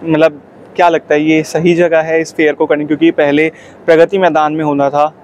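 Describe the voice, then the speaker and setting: A man's voice: on the high side, flat delivery, moderate pace, a little mellow, a little hiss or hum. A male news reporter politely asking exhibitors questions at a trade fair. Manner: polite, addresses guests as sir and ma'am. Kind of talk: field interview questions. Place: busy trade fair hall.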